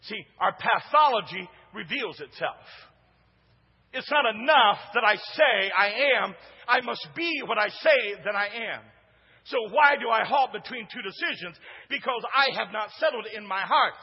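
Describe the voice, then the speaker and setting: A church sanctuary hosts this sermon from a male pastor whose booming voice has a high, husky edge. He is expressive and keeps a moderate pace, shifting between hushed asides and shouts that call out to the congregation. Long reverb follows his words through a dull, muffled recording.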